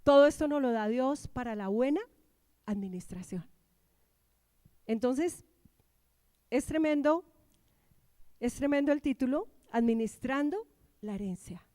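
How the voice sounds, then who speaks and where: A woman pastor from Colombia preaches with emphatic rises and drops. Her voice sits high and is heard close and dry, with little room sound. She keeps prompting the congregation to repeat her lines. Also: animated, unhurried, pauses often, mellow, no echo. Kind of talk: sermon. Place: church.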